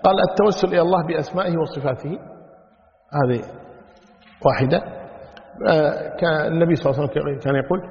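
A man's voice: fairly high pitch, quick pace, long pauses. A middle-aged man teaching a religious lesson, telling stories in a colloquial way and checking that listeners follow. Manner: storytelling with colloquial asides, checks understanding. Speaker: religious teacher explaining a creed text. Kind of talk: recorded lecture, teaching a class. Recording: dull lo-fi lecture recording in a reverberant hall.

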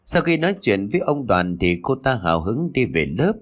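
A man reading a story aloud in an expressive, steady way. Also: medium pitch, moderate pace.

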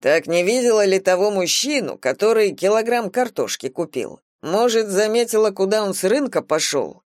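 A woman reading a stern, unhurried police captain. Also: medium pitch, animated, a little mellow, no room sound, pitched above the performer's own voice, close to an everyday voice. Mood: deliberate. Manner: dry, slow, deliberate. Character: stern middle-aged male police captain. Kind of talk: audiobook character voice.

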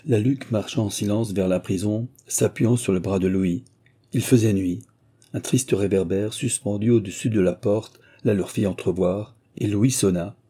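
A man narrating a classic novel as an audiobook, reading in a measured, steady way. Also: lowish voice, breathy edge.

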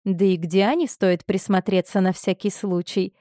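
A woman with a mid-range voice reads a novel aloud in measured, expressive audiobook narration. The scripted recording is studio quality, with no room sound.

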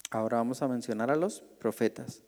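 A man's voice: mid-range voice, a little fast, a little mellow, long reverb tail. A male pastor teaching a Bible class in a conversational way, asking the group questions and acting out the voices he quotes.

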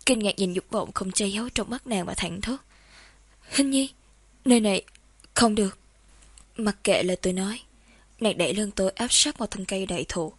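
A woman reading a novel aloud in the first person, in a calm, steady storytelling manner. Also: mid-range voice, slightly rough, no echo. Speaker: audiobook narrator.

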